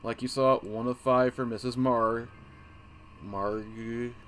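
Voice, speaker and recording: A man's voice: medium pitch, level tone, normal speed, a bit bright, a little hiss or hum. Rambling man talking through a game. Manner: rambling, easily distracted, self-interrupting. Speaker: gaming channel host. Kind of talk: casual game walkthrough commentary.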